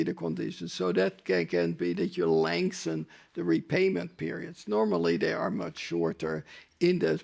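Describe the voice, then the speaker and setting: A man explaining policy on a panel in a halting way, often restarting his phrases. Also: high-pitched, creaky. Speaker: development bank official on a panel.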